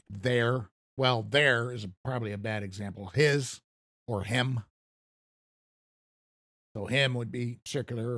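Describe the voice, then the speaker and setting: An American gaming streamer with a medium-pitched voice rambles casually through live commentary on a farming game. He pokes fun at himself and chuckles at his own remarks. The sound is dry and clean, studio quality.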